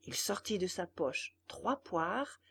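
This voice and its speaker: A woman narrating a classic children's tale in an expressive, unhurried way. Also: on the low side, vocal fry, husky. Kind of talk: storybook reading.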